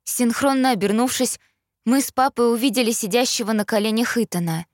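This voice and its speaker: A woman's voice: a little high, a little fast, no room sound. Dry, close female audiobook narrator. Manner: steady storytelling read. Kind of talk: first-person novel narration.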